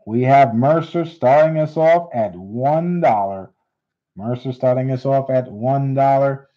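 A man hosting a live coin auction, repeating bids in steady auctioneer patter. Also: medium pitch, a little slow. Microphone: unseen, hands on camera. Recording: dull lo-fi stream audio.

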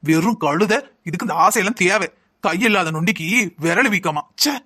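Cartoon role: a deep-voiced, harsh village husband with a southern Tamil accent. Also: female voice, pushed and bright. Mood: scornful. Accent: southern Tamil (Kanyakumari-Tirunelveli). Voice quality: deep, slow and sneering. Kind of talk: cartoon voice acting.

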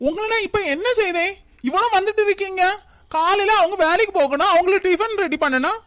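A hurt, defensive young daughter-in-law played by a woman argues back in a high, pleading cartoon voice. The recording is close and dry. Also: fast talker, fairly bright tone, dry recording. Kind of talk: cartoon comedy voice acting.

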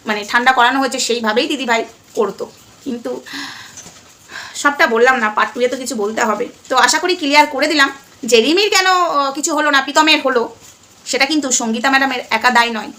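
Fast, high-voiced woman vlogger, emphatic. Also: sharp tone. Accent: Bengali. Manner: emphatic, repeating "ঠিক আছে?". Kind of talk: casual talk to viewers.

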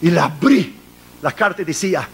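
An evangelist preacher delivers a fervent sermon to his congregation, sharing a personal testimony and slipping English phrases into his preaching. His voice sits high, expressive, creaky and husky, at a moderate pace.

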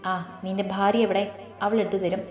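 A woman's voice: medium pitch, steady tone, brisk, a little mellow, natural voice. A woman doing a curt, resentful mother. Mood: cold. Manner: curt, cold. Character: cold, resentful middle-aged mother. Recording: roomy, faint background music.

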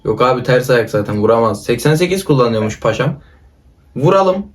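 A man doing excitable casual commentary over a football video game with a friend, calling out player names. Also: medium pitch, a little fast. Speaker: gaming YouTuber.

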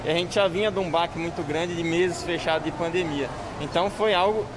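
A man's voice: on the high side, brisk, background noise. A man who runs a restaurant, speaking emphatically in a news interview. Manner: emphatic, frustrated.

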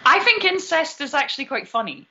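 A woman's voice: high-pitched, sing-song, fairly quick, a crowd in the background. A woman on a podcast panel, teasing and laughing in casual chat. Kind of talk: casual group chat on a live call. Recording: dull lo-fi call audio.

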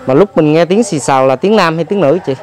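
A man with a Southern Vietnamese accent who hosts a vlog, interviewing gently and prompting with frequent soft acknowledgements. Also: fairly high pitch, fast talker. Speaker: vlog host.

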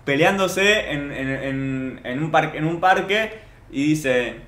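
A man's voice: a little high, slow, fairly bright tone. A man with an Argentine accent, a streamer chatting casually and ranting jokingly to his chat. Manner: joking, mock-boastful rants to chat. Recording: roomy echo.

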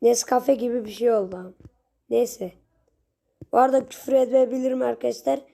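A young woman giving casual gameplay commentary, chatty with her viewers and prone to sudden shrieks and yells at the game. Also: on the high side, fairly even intonation, brisk, vocal fry. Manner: chatty, talks straight to viewers. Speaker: gaming channel host.

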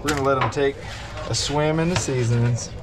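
A man's voice: mid-range voice, brisk, a crowd in the background. Chatty young man at a busy cookout. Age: 20s. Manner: chatty, teasing, laughing often. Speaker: vlog host. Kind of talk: casual outdoor cooking vlog. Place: outdoor fishing camp.

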